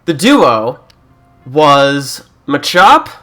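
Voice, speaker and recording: A man's voice: fairly high pitch, big pitch swings, very slow, fairly bright tone, soft background music. A young Canadian man who is a YouTuber, chatting casually through a let's-play, joking and reading game prompts aloud.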